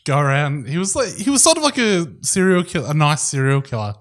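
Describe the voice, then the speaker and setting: A man's voice: on the high side, very animated, fairly quick, fairly bright tone. A man co-hosting a podcast in casual chat, full of matey, teasing lad banter and mild swearing. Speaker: podcast co-host.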